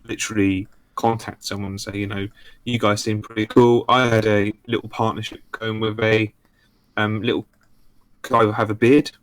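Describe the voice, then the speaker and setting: A man's voice: fairly low pitch, level tone, moderate pace, no echo. A man speaking as a guest over a voice chat, matter-of-fact, his voice sounding robotic through the digital line. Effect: robotic digital distortion from a voice-chat line. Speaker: stream guest. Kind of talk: casual call-in chat.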